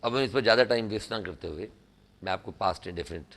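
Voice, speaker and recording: Bright-voiced Indian male English teacher. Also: fairly low pitch, fast, slight background noise. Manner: animated, quizzing students, praising answers. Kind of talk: classroom lesson. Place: classroom.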